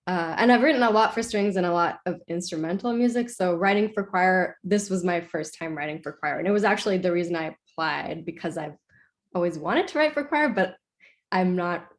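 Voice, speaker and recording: Young woman from Iceland, composer guest, somewhat low voice, rambling casual answers. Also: lively intonation, a little fast. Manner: chatty, many "like"s and self-corrections. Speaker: composer being interviewed.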